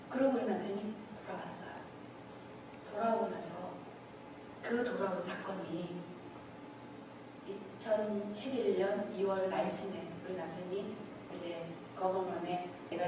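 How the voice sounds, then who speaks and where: A woman's voice: medium pitch, heavy reverb. Middle-aged woman preacher, earnest testimony, distant mic, background noise. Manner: earnest storytelling, acting out dialogues, laughs. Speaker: guest speaker giving testimony. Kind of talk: testimony sermon. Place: church sanctuary.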